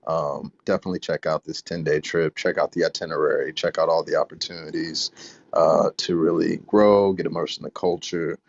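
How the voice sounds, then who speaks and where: A man's voice: extremely low pitch, fairly even intonation, a little fast, vocal fry, dry recording. A man co-hosting and wrapping up in a laid-back, loose way with many fillers. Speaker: co-host. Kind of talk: casual wrap-up. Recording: dull lo-fi online audio.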